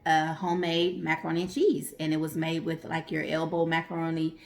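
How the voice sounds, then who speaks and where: A woman's voice: low-pitched, level tone, a little fast, gravelly. A woman vlogger from Oklahoma, chatting casually and rambling as she thinks aloud in a mukbang video. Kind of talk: casual mukbang vlog talk.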